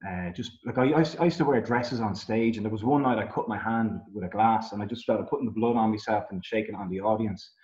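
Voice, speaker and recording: A man's voice: on the low side, quick pace, few pauses, darkish tone. An Irish man talking candidly about his music in a rambling podcast chat, full of fillers. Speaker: musician guest. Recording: roomy, dull sound.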